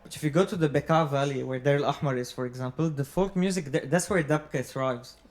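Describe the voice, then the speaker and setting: A man's voice: on the high side, quick pace. A man in casual conversation, explaining things in an informal way. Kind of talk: casual conversation about music and culture.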